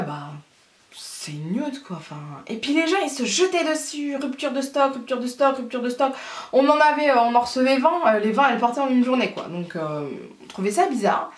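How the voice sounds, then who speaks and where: A young woman chatting casually about beauty products, full of laughs and fillers. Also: a little high. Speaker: beauty vlogger. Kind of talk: casual haul chat. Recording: roomy sound from a distance.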